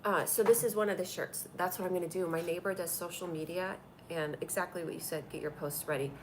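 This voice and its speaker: A stuffy-voiced woman with a cold runs a comedy live stream, talking fast in a lowish, fairly even tone against a noisy background. She rambles chattily, responding to viewer comments she reads off a tablet.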